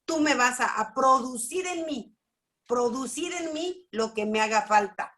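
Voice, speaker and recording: Animated woman sharing a testimony. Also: high voice, unhurried. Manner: animated storytelling, acts out dialogue. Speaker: speaker at a church family school. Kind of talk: personal testimony.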